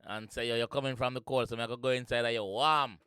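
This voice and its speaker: A Jamaican man hosting a reaction video, laughing, swearing and chatting excitedly in a mix of patois and English. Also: medium pitch, fast talker, clear, resonant tone, dry recording, clean studio sound, soft background music. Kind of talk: casual reaction commentary.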